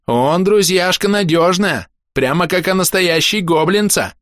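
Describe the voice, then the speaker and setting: A man voicing a crude male goblin who speaks in broken grammar, pitched high and shrill. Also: expressive, unhurried, fairly bright tone, no echo, studio quality. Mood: indignant.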